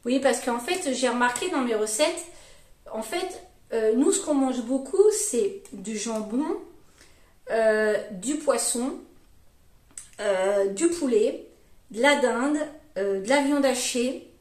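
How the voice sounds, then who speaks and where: Chatty French mom, roomy echo. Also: female voice, expressive, slow, pauses often, darkish tone. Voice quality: shrill at times. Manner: chatty, full of fillers and restarts. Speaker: vlogger. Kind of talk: casual grocery haul chat.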